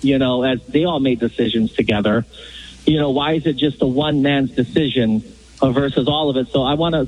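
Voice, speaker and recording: A man calling in to a radio show over the phone, asking for advice in a halting, earnest way with many restarts. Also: medium pitch, a little mellow, slightly rough. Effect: call-in phone line. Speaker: radio call-in caller. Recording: dull lo-fi phone-line audio.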